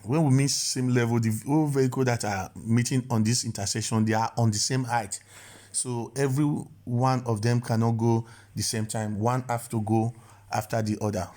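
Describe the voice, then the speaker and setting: This is a man's voice, medium in pitch, steady, a little mellow, and at normal speed, explaining the rules of the road as a driving instructor in a voice-over lesson. His delivery is repetitive and self-correcting, with frequent restarts that come out as stammers.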